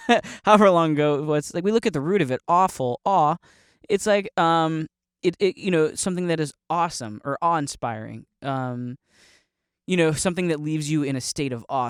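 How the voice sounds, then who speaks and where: A man's voice: a little high, clear, resonant tone, no room sound, clean studio sound. A man hosting a casual solo podcast monologue, laughing often as he talks and rambling through restarts while sipping brandy. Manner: rambling with restarts and quick mock voices. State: drinking brandy. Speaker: podcast host.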